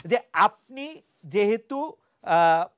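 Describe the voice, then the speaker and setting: A man hosting a talk show, moderating a political debate with halting restarts as he tries to interject. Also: high voice, big pitch swings, fairly bright tone, smooth.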